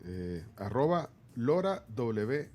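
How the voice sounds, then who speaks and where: Male radio host, expressive pitch, casual, reads listener comments aloud. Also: slow. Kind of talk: radio studio interview. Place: radio studio.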